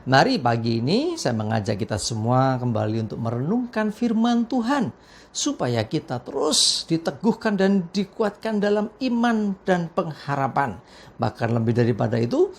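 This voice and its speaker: A woman pastor from Indonesia giving a morning devotional sermon as a lively storyteller, briefly acting out the people in the story. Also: very deep voice, moderate pace.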